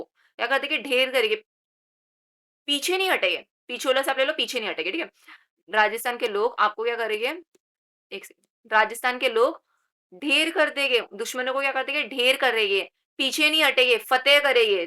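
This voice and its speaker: Her voice fairly high, bright and forceful, this coaching teacher runs a Hindi general knowledge class for government exams. She relies on memory tricks, repeated key words and rhetorical questions, blending English words into Hindi.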